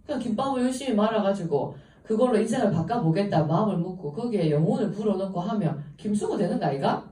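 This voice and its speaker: A woman's voice: mid-range voice, animated, fast talker, dark tone. A woman with a Gyeongsang accent giving an informal seminar talk, chatty and laughing often as she tells stories. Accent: Gyeongsang Korean. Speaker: seminar speaker. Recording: echoey room, voice from a distance.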